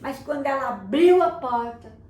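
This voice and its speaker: An older woman telling a children's story, animated, putting on voices for the characters. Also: high-pitched, normal speed. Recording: echoey room from a distance, faint ambience.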